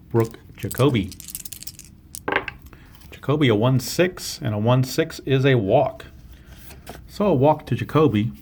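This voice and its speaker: A man's voice: medium pitch, a little mellow, slight background noise. A man giving play-by-play commentary on his own tabletop baseball game, steadily explaining each roll and correcting himself now and then.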